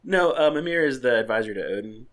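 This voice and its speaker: Lively, joking man at the game table. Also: medium pitch, fast talker. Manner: joking, chatty. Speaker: player. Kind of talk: casual tabletop game play.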